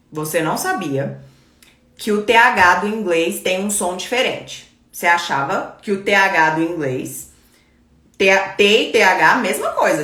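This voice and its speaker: Lively woman teaching with emphasis. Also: a little high, roomy sound. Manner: explanatory, repeats key phrases, slows for emphasis. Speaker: English teacher. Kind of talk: live-streamed lesson.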